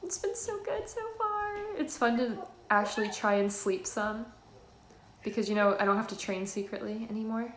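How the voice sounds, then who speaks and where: A woman's voice: mid-range voice, normal speed, crowd noise, natural voice. Woman playing a chatty, teasing girl hero student. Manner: rambling, teasing, laughs often. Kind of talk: live cosplay role-play chat. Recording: echoey live video call.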